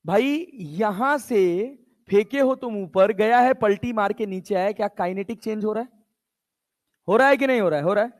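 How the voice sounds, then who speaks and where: A man's voice: sits high, normal speed. A male physics teacher lecturing a class, coaxing and teasing his students and scolding them casually.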